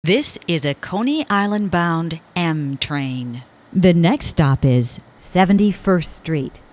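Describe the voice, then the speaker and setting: An automated subway announcer, a woman with a slightly low voice, reads scripted transit announcements in a formal manner. She speaks very slowly and deliberately, enunciating every word, with lively pitch rises and falls. The recording quality is dull and lo-fi.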